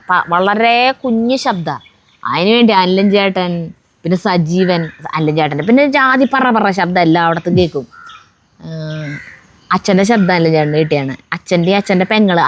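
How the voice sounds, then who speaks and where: A woman's voice: fairly low pitch, brisk. A woman reading viewer comments aloud in a casual family vlog, laughing between them.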